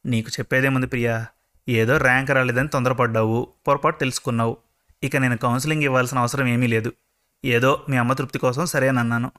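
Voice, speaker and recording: A man voicing a kind, patient middle-aged mother in a told story, speaking gently and reassuringly. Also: mid-range voice, fairly even intonation, quick pace, clear, resonant tone, natural voice.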